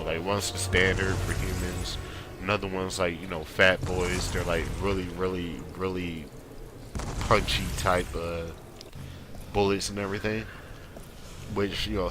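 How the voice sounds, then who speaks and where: A man giving casual, rambling gameplay commentary in an informal, slangy, conversational way, as if chatting over his own footage. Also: sits low. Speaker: gaming video creator doing commentary. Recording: clear background noise.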